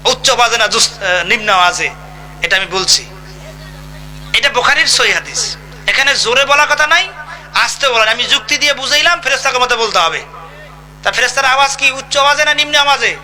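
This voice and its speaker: A man's voice: very high-pitched, bright, forceful tone, low-quality recording. A man preaching a sermon, emphatic and asking his listeners rhetorical questions. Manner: emphatic, asks the audience questions. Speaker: Islamic preacher.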